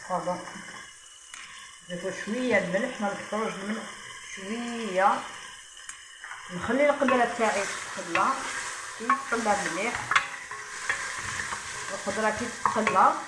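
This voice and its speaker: A woman's voice: medium pitch, moderate pace, pauses often, roomy sound, very noisy. A woman with an Algerian Arabic accent, a chef walking viewers through a recipe step by step while cooking and often saying "voilà".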